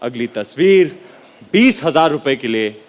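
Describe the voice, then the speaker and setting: A man hosting a television quiz show, lively and playful, switching between Hindi and English. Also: medium pitch, unhurried, a little hiss or hum. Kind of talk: energetic game show hosting.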